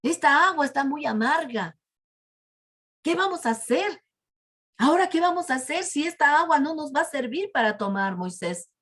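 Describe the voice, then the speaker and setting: A woman voicing a demanding, whiny, thirsty wanderer who complains loudly. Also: sing-song, normal speed, husky. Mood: complaining. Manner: complaining, shrill.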